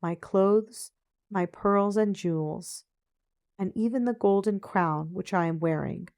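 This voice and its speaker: A woman's voice: mid-range voice, slow, a little mellow, dry recording, clean studio sound. A woman voicing a spoiled, fickle young princess in a fairy tale read aloud, with careful, archaic speech. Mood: eager promising.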